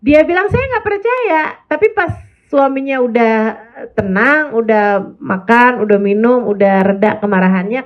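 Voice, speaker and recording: A woman's voice: a little high, dull audio. A woman in her forties from Indonesia, giving a religious talk to women and telling stories in which she acts out the voices of the people she quotes. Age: 40s. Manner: animated storytelling, acting out quoted voices. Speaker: preacher.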